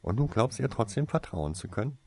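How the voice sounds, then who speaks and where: A man's voice: on the low side, big pitch swings, a little fast, darkish tone, husky, pitched above the performer's own voice, full character voice. A man voicing a curious, insistent young witch girl in a fantasy storybook, talking in a pushy, scolding way.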